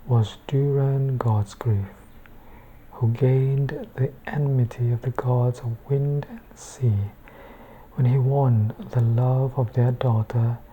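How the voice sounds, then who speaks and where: In ASMR style, a woman reads a bedtime book in a hushed, measured way, her soft, breathy voice often slipping into a whisper. Her voice sits in a bass register, and the dull audio carries a little hiss or hum.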